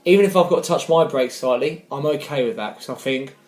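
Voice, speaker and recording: A man's voice: medium pitch, fast talker, a crowd in the background. A man, co-hosting a casual chat, reacting with short wry interjections. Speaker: podcast co-host. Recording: roomy echo.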